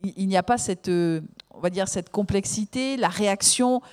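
Halting woman in a discussion. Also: mid-range voice, darkish tone, clear, resonant tone. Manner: hesitant, halting, many fillers.

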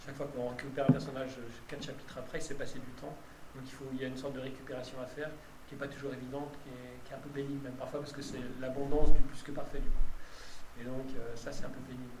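A novelist man chatting through an interview, his stories self-mocking and chuckling. His voice sits at an ordinary middle pitch for a man. The recording is roomy with clear background noise. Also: flat delivery, quick pace. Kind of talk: casual interview talk.

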